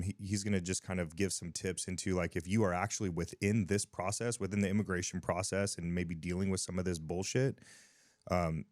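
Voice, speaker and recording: A man's voice: low voice, darkish tone, no echo, studio quality. A man hosting a casual podcast interview, talking in a laid-back, slangy way. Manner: laid-back, slangy, says dude and bro. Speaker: podcast host.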